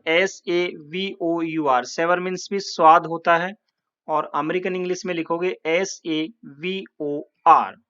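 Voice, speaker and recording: A man from India gives a classroom lesson at an unhurried pace. He is calm and patient and spells each word out letter by letter. The recording sounds dull and lo-fi. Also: high-pitched, clean tone. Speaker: English teacher.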